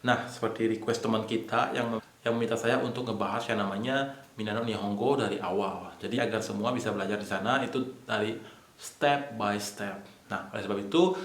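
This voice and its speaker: A man teaching a casual online language lesson, explaining slowly step by step and repeating key points. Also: on the low side. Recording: echoey room.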